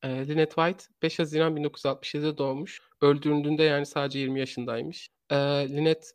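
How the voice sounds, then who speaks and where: A man's voice: on the high side, level tone, brisk, no echo. A man hosting a true crime podcast in a conversational way, often repeating and rephrasing his sentences as he searches for words.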